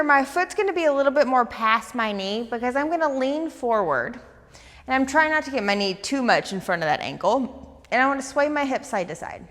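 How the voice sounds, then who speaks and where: Female fitness instructor, brisk and eager cueing, bright higher pitch, echoing room. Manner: eager, talks fast, coaching cues. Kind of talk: guided stretching class.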